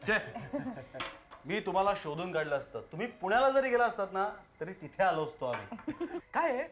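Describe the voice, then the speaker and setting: A man's voice: high voice, big pitch swings, moderate pace, highs cut off. An actor playing a cheerful old friend on a visit, jovial and a bit boastful about his looks, in a TV serial. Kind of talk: TV serial acting.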